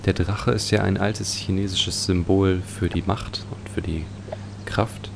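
A man with a deep voice and fairly even intonation hosts a let's play, unhurriedly musing about the video game and describing what he sees. It's a clearly noisy home recording.

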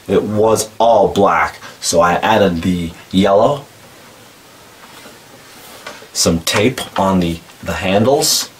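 A man in his forties gives a casual, enthusiastic show-and-tell vlog about horror cosplay props, filmed from a distance in a cluttered indoor room packed with horror collectibles. His voice sits low, with a little hiss or hum in the recording.

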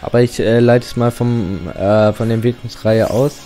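A man's voice: mid-range voice, steady tone, moderate pace, warm tone, soft background music. A young man giving casual, slangy let's-play commentary as a channel host, often reading game text aloud.

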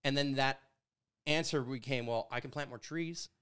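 A man in his thirties from Canada, talking through ideas in a casual conversation at a studio boom mic, animated and gesturing as he tells stories. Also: moderate pace, smooth. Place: studio with brick walls. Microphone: studio mic on boom arm.

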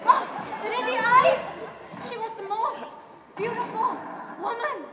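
Female, actress as melodramatic soldier, extremely high voice, comic theatre with a loud audience. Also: takes it slowly, a loud crowd. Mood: wounded, straining. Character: frantic soldier who gets wounded passing on a message. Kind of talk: comic stage acting. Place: large theatre stage with audience. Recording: far off, echoey, noisy audience.

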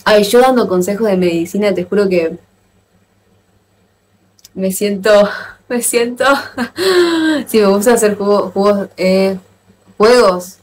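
A woman with an Argentine accent chatting casually with viewers on a live stream, playful and quick to exclaim and laugh. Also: mid-range voice, animated, a little mellow. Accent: Argentine Spanish. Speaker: livestreamer.

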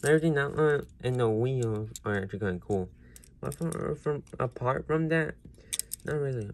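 A man giving a casual, unscripted toy review, rambling with many fillers and restarts and getting loud at times. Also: medium pitch, expressive, moderate pace. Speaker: Lego reviewer. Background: faint household noise.

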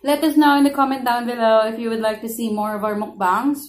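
A woman's voice: a little high, steady tone, quick pace. A woman, a mother chatting casually with viewers and coaxing her child during a family eating video. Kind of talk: casual mukbang chat to viewers. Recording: roomy echo.

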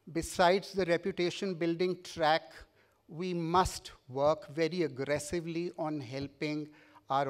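A middle-aged man with an Indian English accent and a slightly high voice delivers an urging keynote speech into a podium mic on a large conference stage, using fillers and repeated words.

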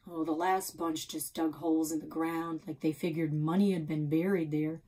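A woman reading aloud, voicing a stern, fed-up male county sheriff in a storybook, with a low, husky voice. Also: little pitch movement, moderate pace, mellow. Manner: gruff, fed-up, commanding.

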